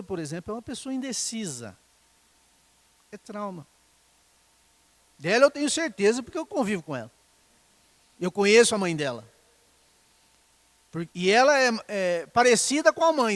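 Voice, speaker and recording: High-voiced pastor, chatty sermon. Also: male voice, very animated, moderate pace, pauses often, dry recording. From Brazil. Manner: conversational, often asking the congregation "tá, irmãos?".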